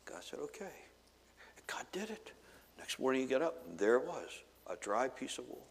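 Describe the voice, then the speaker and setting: A male pastor preaches in a big church hall, his voice carrying a long reverb. He tells a Bible story with lively storytelling, slipping into the characters' lines. His pitch sits in a middle range. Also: normal speed, gravelly, husky. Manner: animated storytelling, acting out dialogue. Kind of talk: sermon. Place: church sanctuary.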